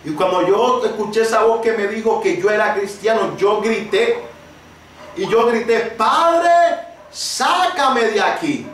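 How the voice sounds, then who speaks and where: A man preaching a sermon with personal testimony, impassioned and emphatic, rising to shouted peaks. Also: high-pitched, fairly even intonation, moderate pace, slight background noise. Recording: very echoey room, voice far from the mic.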